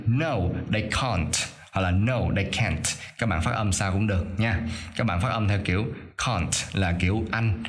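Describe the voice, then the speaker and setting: A male teacher doing a voice-over for a lesson: he reads English sentences slowly and carefully, then explains them quickly. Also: on the low side. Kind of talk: explaining an English reading exercise.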